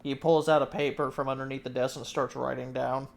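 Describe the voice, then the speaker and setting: A man's voice: medium pitch, a little fast, vocal fry, a little hiss or hum. Man narrating as dungeon master. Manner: relaxed, filler-heavy explaining. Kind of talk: narrating a tabletop game.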